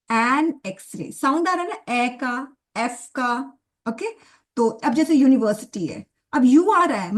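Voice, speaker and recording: Indian lady teacher, slow and patient, keeps asking the students if they got it. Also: high-pitched. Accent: Indian English. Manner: patient, repeats examples slowly, checks students often. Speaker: English grammar teacher. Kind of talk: Hindi-English classroom explanation.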